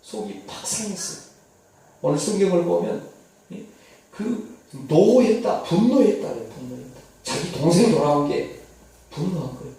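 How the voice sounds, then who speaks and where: A male pastor preaches with lively, rising and falling pitch, his gravelly voice swinging from hushed asides to loud outbursts. He sounds far from the mic, and the church hall echoes heavily. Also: unhurried. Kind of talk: sermon storytelling. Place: church sanctuary.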